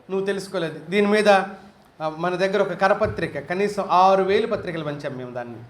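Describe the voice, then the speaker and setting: A man's voice: sits high, fairly bright tone. A man preaching a sermon as a pastor, speaking emphatically and repeating key phrases as he tells a story. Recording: roomy hall echo.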